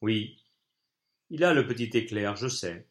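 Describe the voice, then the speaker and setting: A man voicing a calm, wise old poet. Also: lowish voice. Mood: grave. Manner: calm, measured, grave. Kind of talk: audiobook reading.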